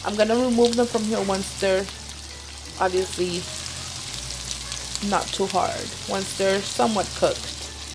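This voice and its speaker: A woman's voice: mid-range voice, little pitch movement, a little slow, pauses often, noisy background. A young woman vlogging from her home kitchen, chatting casually and switching between English and Spanish as she cooks. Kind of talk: casual cooking vlog chat. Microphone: handheld phone camera.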